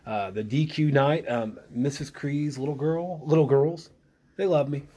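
A man's voice: on the high side, a little slow, mellow, breathy edge. A man hosting school morning announcements in a playful, rambling way with lots of fillers.

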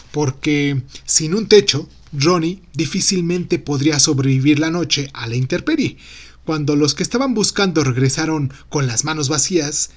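A man hosting a show, reading a true mystery story aloud as scripted narration. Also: on the high side. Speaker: podcast host and narrator.

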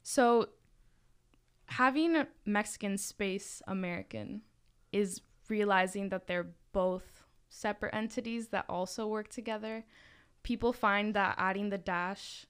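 A woman's voice: medium pitch, unhurried, a bit bright, clean tone. A young woman from Miami talking casually on a podcast as a student club leader, chatty and full of fillers. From Miami, Florida. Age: young adult. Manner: chatty, with many fillers and restarts.

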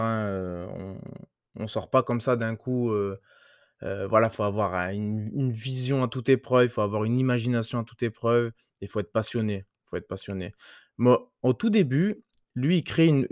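Male podcast host, mid-pitched, casual and slangy, halting delivery, dry close mic. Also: darkish tone, no echo. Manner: hesitant, many fillers and restarts, crude slang. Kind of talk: casual motivational podcast monologue.

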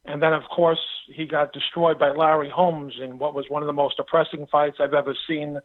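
A man's voice: on the high side, little pitch movement, a little fast. A middle-aged man giving casual interview answers as a boxing pundit calling in by telephone. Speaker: boxing pundit, phone-in guest. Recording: tinny phone line.

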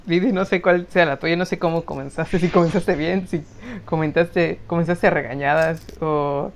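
A young man with a Mexican accent, telling work stories on a podcast in a casual, lively way, often laughing. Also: on the high side, slight background noise. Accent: Mexican Spanish. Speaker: podcast co-host. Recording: muffled lo-fi audio.

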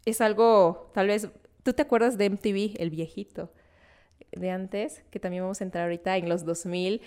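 A young Mexican woman with a smooth, mid-range voice co-hosts a podcast, chatting casually and nostalgically at a normal pace. She tells animated, slang-filled stories and laughs often.

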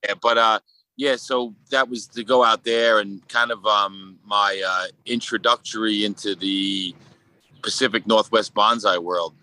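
A man with a Brooklyn accent talking casually as a podcast guest, in a halting, rambling way full of "you know". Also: on the low side, fairly even intonation, bright, forceful tone, dry recording, poor audio. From Brooklyn, New York. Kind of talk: casual conversational interview.

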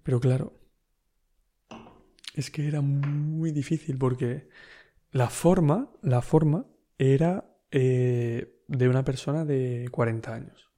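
Un hombre con acento de España que cuenta una anécdota en tono informal, relajado y con risas frecuentes. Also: male voice, mid-range voice, slow, dark tone. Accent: Spain Spanish. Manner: laid-back anecdotal, laughs often, slangy. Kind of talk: casual storytelling.

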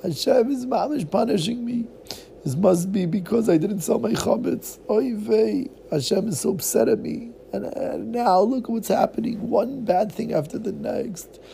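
A fretful middle-aged businessman, put on by a storyteller, exclaims in a raised, gravelly voice. His pitch leaps and swings as he frets. A faint hiss sits under the recording. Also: lively intonation, normal speed, warm tone. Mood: despairing.

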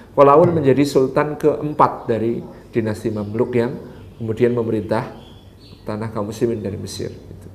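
A man tells a sermon story, his voice sitting a bit high for a man. He is animated, jumping into the voices of his characters and letting his phrases sink to a soft murmur at the end. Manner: animated storyteller who acts out quoted voices and drops soft at phrase ends. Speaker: preacher.

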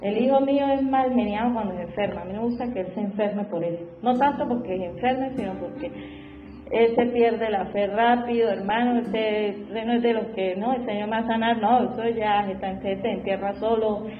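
A woman's voice: mid-range voice, moderate pace, slight background noise. Fervent woman preaching in an echoey room. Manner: fervent, repeats "hermano" and "gloria al Señor". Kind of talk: sermon. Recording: echoey room, dull lo-fi sound, faint music behind.

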